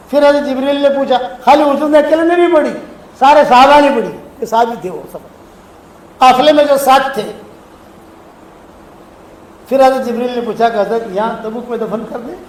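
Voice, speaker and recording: A male preacher giving a sermon, telling stories with acted dialogue and pressing his listeners to promise things. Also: extremely high pitch. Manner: storytelling, acts out dialogues; keeps asking the audience for promises. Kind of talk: Islamic sermon. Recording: echoey hall, faint noise.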